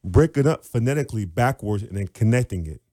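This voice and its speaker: A man's voice: on the low side, quick pace, no room sound, clean studio sound. A man, an author and reading teacher, explaining his method in an interview and sounding out syllables aloud. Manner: animated, demonstrates sounds aloud.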